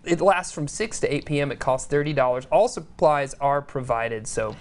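Low-voiced woman co-hosting morning tv, upbeat and chatty reading event listings. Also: normal speed. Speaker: morning show co-host. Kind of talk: scripted local events segment.

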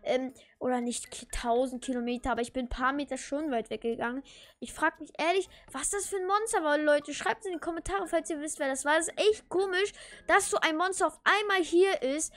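Eine Frau spielt einen aufgeregten Jungen, hell und hoch. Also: female voice, high-pitched, fairly quick, a bit bright. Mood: puzzled. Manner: slangy, exclamatory, pleading. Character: Snoopy, excitable, whiny thirteen-year-old boy. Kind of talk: Minecraft video role-play with asides to viewers.

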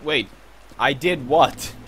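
A man's voice: mid-range voice, slow pace, a bit bright, a little hiss or hum. A man commentating on his own gameplay in a casual, swearing, self-mocking way. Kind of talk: let's play commentary.

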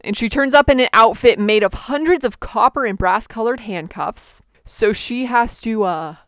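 A woman's voice: fairly high pitch, normal speed, fairly bright tone, no echo, dull audio. A woman co-hosting a podcast who chats casually and chimes in playfully. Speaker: podcast co-host. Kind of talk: casual chat.

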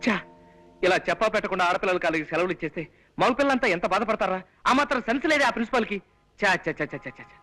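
A man's voice: high voice, expressive, very fast, sharp tone, faint music behind, poor audio. An actor playing a lovesick young man who complains in exasperated comic bursts. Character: lovesick young man chasing a college girl.

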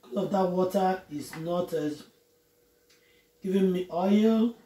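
A woman's voice: lowish voice, a little slow, warm tone. A woman vlogging a cooking tutorial from her home kitchen, chatting through each step to her viewers. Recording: roomy kitchen echo, faint noise.

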